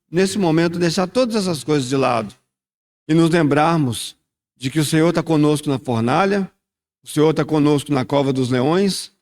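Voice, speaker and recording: A man's voice: fairly high pitch, darkish tone. A man giving a short communion sermon, then praying aloud and repeating "Lord" often, in a reflective tone. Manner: reflective, repeats "Senhor" in prayer. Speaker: church leader at communion. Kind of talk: sermon and spoken prayer.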